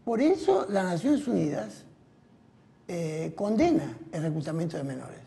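A woman interviewed for a documentary, explaining a point in a measured way. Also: fairly low pitch, sing-song, vocal fry, mellow. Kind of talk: explanatory commentary.

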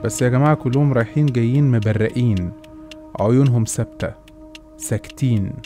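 An Egyptian-accented man narrates a scripted horror story in the first person, dramatic and absorbed. His voice is mellow and dark, sitting at an ordinary pitch for a man. Faint music plays beneath the telling. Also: fairly even intonation, brisk.

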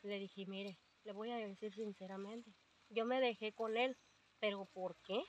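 A woman's voice: mid-range voice, fairly even intonation, measured pace, highs cut off, slight background noise. Older Mexican woman telling her story. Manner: rambling, quotes dialogue, many fillers. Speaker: interviewee. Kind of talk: casual storytelling.

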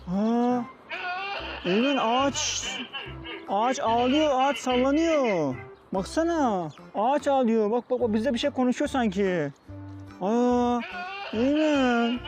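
A man's voice: very high-pitched, darkish tone, highs cut off. A father playing with his young son in a family vlog, talking in a coaxing, repetitive, playful way.

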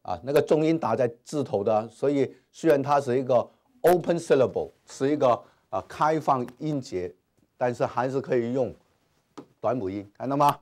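A man's voice: mid-range voice, animated, moderate pace, a little mellow. A man teaching Hebrew grammar in a classroom lecture, dropping in English terms and many "ah" and "ha" fillers. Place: classroom with whiteboard.

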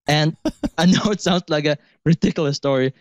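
A man's voice: a little high, normal speed, dry recording. Amused male podcast co-host. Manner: amused storytelling, laughs mid-sentence. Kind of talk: casual podcast discussion.

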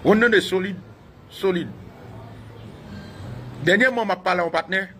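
A Haitian man teaching a class on live radio, animated, retelling dialogues and repeating phrases for emphasis. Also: sits high, moderate pace, slight background noise.

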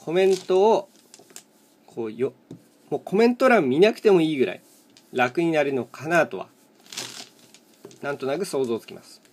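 A man with a voice a little higher than most men's talks casually, like a host chatting over a solo game. He thinks aloud in short fragments and keeps a plain, matter-of-fact way of speaking. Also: lively intonation, normal speed, pauses often, husky. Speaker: host of a solo mahjong chat video and live streamer. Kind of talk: casual rambling commentary while playing tiles.

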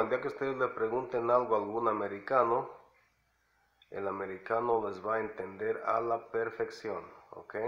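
A middle-aged man teaching an English lesson, who says each phrase slowly twice, with many fillers. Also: on the low side, a bit bright. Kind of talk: slow language lesson. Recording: echoey, dull lo-fi room sound.

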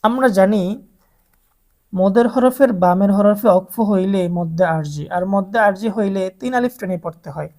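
A woman's voice: mid-range voice, moderate pace, mellow. A woman teaching Quran reading to adult beginners, drawing out each letter sound patiently and coaching listeners to repeat after her. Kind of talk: slow step-by-step recitation lesson.

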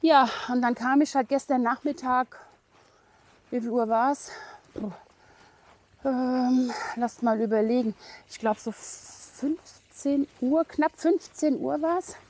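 Out on a wooded trail, a middle-aged woman talks to the camera she holds at arm's length, speaking slowly in a high, slightly mellow voice. This hiking vlogger rambles casually, laughing often, using lots of fillers, and sounding a little winded.

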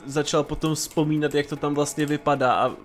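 A man's voice: a little high, level tone, soft background music. A young man co-playing a game, chatting casually and reacting to the action. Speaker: co-player, fellow gamer. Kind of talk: casual gaming chat.

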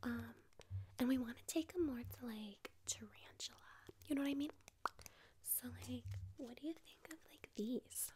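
A woman's voice: a little high, normal speed, dark tone, slight background noise, close to an everyday voice. A woman in her twenties playing a vain, condescending valley girl in a whispered role-play, with a drawl full of "like". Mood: condescending, breezy. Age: 20s. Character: bitchy, vain valley girl getting a friend party-ready. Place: small quiet room indoors, on a couch.

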